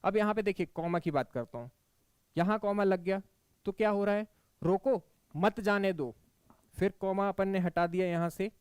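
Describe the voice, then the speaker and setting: A man from Madhya Pradesh giving an exam-prep Hindi grammar lecture, explaining step by step, checking in often and reciting verse examples slowly. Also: sits high, darkish tone, clear, resonant tone, no room sound. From Madhya Pradesh, India. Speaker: teacher.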